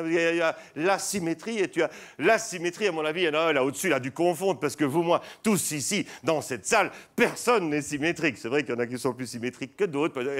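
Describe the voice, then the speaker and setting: A middle-aged man with a Belgian French accent doing a rambling stand-up monologue, chatting with the audience. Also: a little high. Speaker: stand-up comedian. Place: theatre stage before a live audience. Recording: live show with loud audience laughter.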